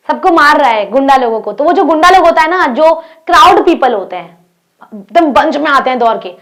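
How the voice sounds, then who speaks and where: A young woman teacher with an Indian accent, explaining an English textbook story in Hindi, reading the English lines slowly and asking her students questions. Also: high voice.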